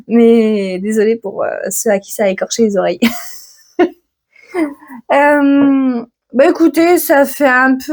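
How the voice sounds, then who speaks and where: A woman hosting a book channel, chatting casually and self-mockingly about upcoming releases while thinking aloud. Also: fairly high pitch. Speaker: book vlogger. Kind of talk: casual chat about new books.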